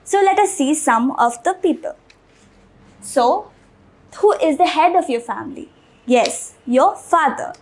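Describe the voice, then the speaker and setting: Speaking slowly and carefully, a woman teaching French goes over each word several times in a high, bright-pitched voice, much like a patient classroom teacher. The audio is poor, with slight background noise.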